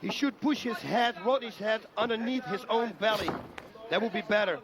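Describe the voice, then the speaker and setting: A man gives live fight analysis in a high-pitched voice with a big crowd roaring behind him. He sounds like a coach at the corner, urgently repeating tactical advice as color commentator. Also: moderate pace. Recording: live over a loud arena crowd.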